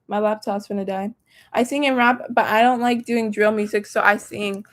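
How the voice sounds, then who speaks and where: A casual young tarot reader from Texas chats with viewers during a livestream, her slight Southern accent coming through a phone or laptop mic. Her voice is medium-pitched and steady, at a normal pace. She's chatty and slangy and speaks to her audience directly.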